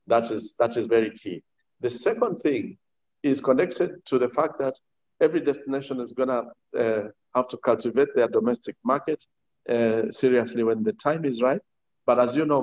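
Measured man, dull lo-fi audio. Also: mid-range voice. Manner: measured, formal, deliberate, with halting repetitions. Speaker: tourism agency chief executive. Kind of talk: panel answer in a business town hall. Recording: dull, lo-fi online call audio.

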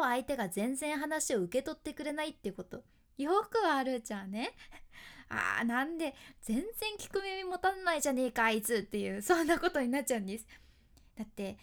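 A high, bright-voiced woman with a teaches how to speak in a casual lesson. She is chatty and upbeat, explains as an announcer and speaking coach would, and laughs often.

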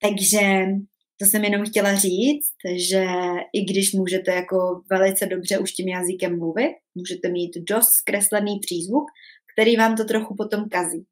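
A woman talks through a relaxed language lesson. She is chatty and informal, pauses on fillers and checks in with her listeners as she explains. Her pitch sits in an ordinary middle range. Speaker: language teacher. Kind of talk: casual spoken lesson.

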